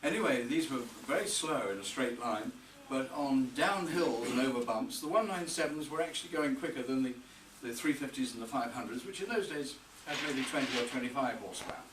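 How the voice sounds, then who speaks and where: An older man with a mid-range, expressive voice gives an after-dinner birthday tribute, telling dry, funny anecdotes at a storyteller's pace, a little fast and with few pauses. He's in a hotel reception room, and the recording is roomy, distant and noisy, as in a busy function room.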